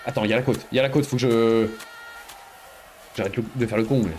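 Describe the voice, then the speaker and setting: A man giving live commentary on a video game he is playing, excitable and joking, often breaking into exclamations. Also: mid-range voice, fast talker, faint music behind. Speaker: streamer.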